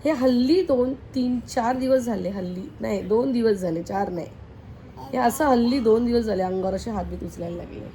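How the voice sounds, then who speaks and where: A young woman talking to her followers from her home in a casual family vlog. Her voice sits a little high, and she is chatty and direct, turning to the viewers again and again to ask for their advice. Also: normal speed, warm tone. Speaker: mother and family vlogger. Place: at home, indoors.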